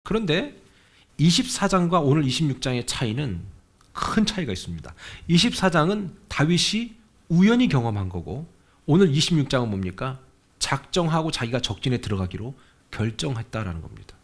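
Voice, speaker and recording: Male pastor, sermon, lively pitch, fairly high voice, questions to the congregation. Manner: conversational preaching, asks the congregation questions, acts out quoted voices. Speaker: senior pastor. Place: church sanctuary.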